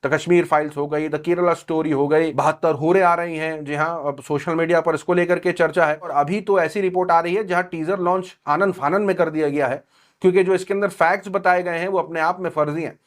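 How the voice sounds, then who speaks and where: Guy doing sarcastic news commentary, a bit higher voice, keeps it rolling. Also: fairly even intonation, a little fast.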